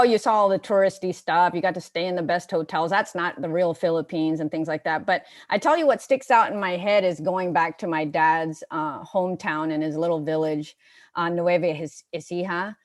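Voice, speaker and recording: A middle-aged woman from the United States, chatting casually as a guest on a comedy show, rambling with fillers and restarts. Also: lowish voice. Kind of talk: casual chat.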